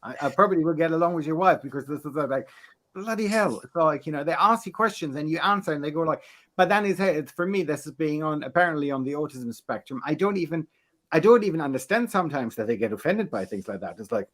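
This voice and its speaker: A man co-hosting a casual chat, blunt and quick to laugh, repeating words when excited. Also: a little high. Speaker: podcast co-host.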